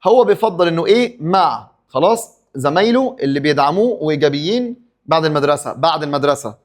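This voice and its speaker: A man's voice: a little high, animated, fast. A man with an Egyptian Arabic accent teaching an English exam review, asking and answering his own questions and stopping for pep talks.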